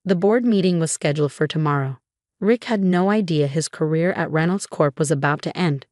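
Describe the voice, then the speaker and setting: A woman narrating a first-person revenge story in a steady, measured way. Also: lowish voice, no echo, studio quality.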